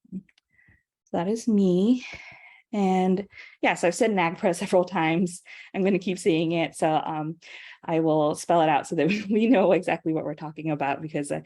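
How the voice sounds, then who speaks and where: A woman's voice: sits low, dark tone. A young woman from Singapore giving an online guest lecture, chatty and casual with many ums and small laughs.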